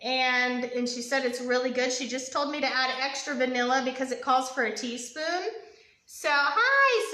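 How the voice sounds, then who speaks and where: Young woman, high bright voice, casual live cooking host, rambling and friendly, echoey kitchen. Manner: chatty, rambling, lots of ums and asides to viewers. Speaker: home cook hosting a live baking stream. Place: home kitchen.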